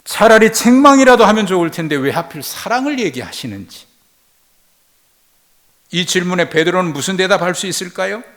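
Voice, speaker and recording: A male pastor delivering a sermon, retelling a story slowly and reflectively. He swings between hushed, near-whispered passages and loud, emphatic lines. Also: sits high, expressive.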